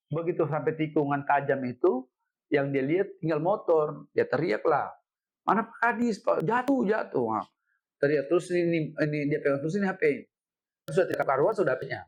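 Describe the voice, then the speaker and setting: A middle-aged man, a guest telling a story in an interview, animated, repeating himself and ending lines with "Pak". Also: on the high side, moderate pace. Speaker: head of city education office, guest.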